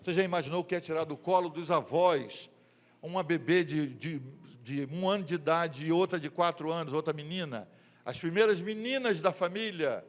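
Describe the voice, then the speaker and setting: High-voiced Brazilian pastor preaching in a reverberant hall. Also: male voice, normal speed. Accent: Brazilian Portuguese. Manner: storytelling, acting out the voices in his stories. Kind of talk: sermon. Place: church conference hall. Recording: long reverb of a church hall.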